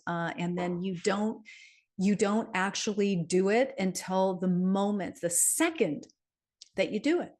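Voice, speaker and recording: A woman's voice: lowish voice, a little mellow. A middle-aged woman giving a casual monthly numerology forecast, chatty, with many fillers and tag questions. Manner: chatty, frequent "right?" and fillers, light laughs.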